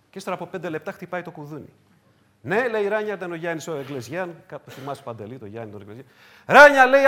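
A man with a wife and children preaches to his congregation in a slightly high voice. He is emphatic and repetitive, shifting between loud declarations and hushed asides.

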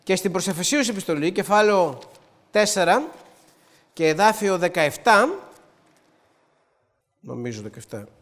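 A man's voice: high-pitched, animated, long pauses, fairly bright tone, in a large hall. A man preaching a sermon, opening with a prayer and then explaining scripture step by step in an earnest way.

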